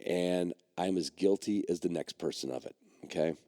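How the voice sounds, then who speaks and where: A man's voice: sits low, normal speed, dark tone, no echo, studio quality. A middle-aged man hosting a podcast, telling a personal story in a rambling way, full of fillers and restarts. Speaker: podcast host and dog trainer.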